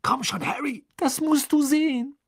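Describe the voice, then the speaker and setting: A man reading an audiobook, voicing an excited, insistent teenage girl who talks in a breathless, urgent rush. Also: very high voice, moderate pace, voice pushed up. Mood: indignant. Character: eager, excited teenage schoolgirl, insistent and bossy.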